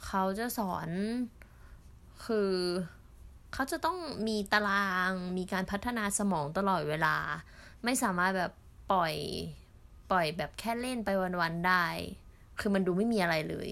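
Young thai woman vlogging, chatty, lots of fillers and pauses, mid voice. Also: mid-range voice, a bit bright. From Thailand. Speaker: au pair vlogger. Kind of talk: casual storytelling vlog.

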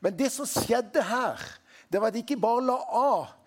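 High-voiced man preaching conversationally. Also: expressive, slightly rough. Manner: conversational, asks the congregation questions. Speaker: pastor. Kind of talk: sermon.

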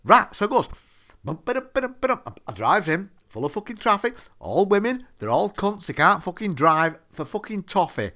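A man's voice: high voice, sing-song, moderate pace, few pauses, pushed and bright. A man telling a profane, exasperated story as a ranting monologue. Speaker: podcaster.

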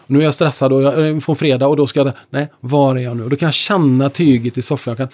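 A man working as a lecturer and musician, telling stories in a relaxed conversation with lively delivery. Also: mid-range voice. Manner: lively, animated storyteller. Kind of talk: conversational storytelling.

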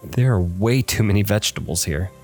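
A man's voice: on the low side, a little fast, darkish tone, soft background music, natural voice. A man voicing a greedy, hungry young boy hunter who talks bluntly and bossily to his pet, in a storybook reading. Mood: grumbling.

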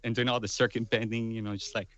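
A man's voice: on the low side, level tone, fast, a bit bright, no echo. A man in his twenties, a guest musician, talking in a rambling casual way with lots of fillers. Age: 20s. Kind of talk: casual chat.

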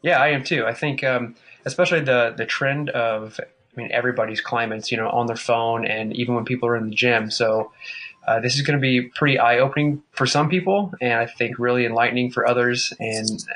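A man's voice: mid-range voice, brisk, fairly bright tone. Male podcast host, mid-range voice, friendly casual interviewer. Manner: upbeat, loose with fillers.

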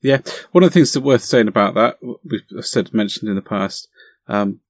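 A man's voice: lowish voice, fairly quick, no room sound. Enthusiastic man, dry close sound. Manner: enthusiastic, encouraging, chatty. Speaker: podcast co-host. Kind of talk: casual chat about tabletop wargaming.

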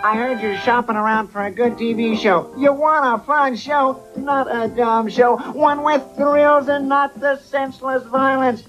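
A man voicing a cheerful, wacky stretchy cartoon superhero in a TV promo pitch. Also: fairly even intonation, a little slow, few pauses, a bit bright. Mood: cheerful, boastful. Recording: dull old TV audio, faint music.

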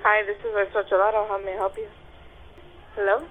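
A woman's voice: mid-range voice, level tone, fast talker, phone-quality sound, very noisy. Woman on a call that keeps dropping out. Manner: hesitant, filler-heavy replies. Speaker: ice cream shop worker answering the phone. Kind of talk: phone call.

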